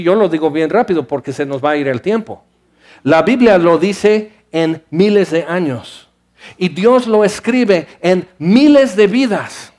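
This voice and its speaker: A male preacher with a voice that sits high for a man. He speaks in an animated way, acting out his listeners' voices and dropping to a hush between louder stretches. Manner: animated, acts out listeners' voices, shifts between loud and hushed. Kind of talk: sermon.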